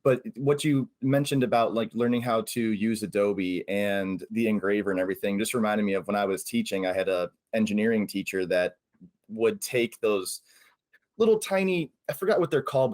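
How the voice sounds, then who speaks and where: Low-voiced man hosting a podcast. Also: brisk, darkish tone, no echo. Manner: friendly, conversational, some fillers. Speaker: podcast host. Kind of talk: casual podcast conversation.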